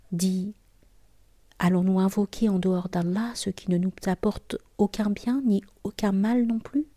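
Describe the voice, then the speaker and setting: A woman giving a whispered scripture reading, her voice low and mellow. She speaks softly and steadily, often in a bare whisper. The sound is close and dry. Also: dry recording. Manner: soft, measured, often whispered. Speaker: scripture reader.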